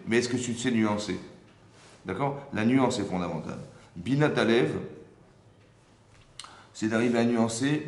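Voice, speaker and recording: A man's voice: lowish voice, a little mellow. A man teaching a religious class to a small group, asking questions, checking in with his listeners and often repeating words as he searches for phrasing. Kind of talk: interactive religious lesson. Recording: roomy room, faint background ambience.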